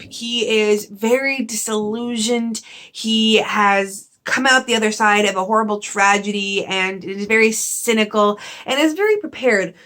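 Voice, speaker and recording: A young woman giving a casual, chatty book review, lively and full of "like" and laughs. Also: a little high. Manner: chatty and animated, with frequent "like" and laughs.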